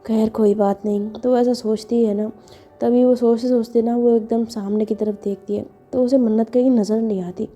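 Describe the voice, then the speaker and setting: A woman's voice: a little high, fairly even intonation, normal speed, dark tone, faint music behind. A woman telling a story in a casual, chatty way, with filler words along the way.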